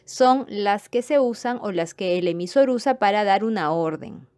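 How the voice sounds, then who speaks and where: A woman's voice: medium pitch, normal speed, darkish tone, clean tone, dry recording, studio quality. A woman teaching a grammar lesson to viewers, explaining patiently and checking in with them as she goes. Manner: patient, repeats points and checks understanding; friendly sign-off to viewers.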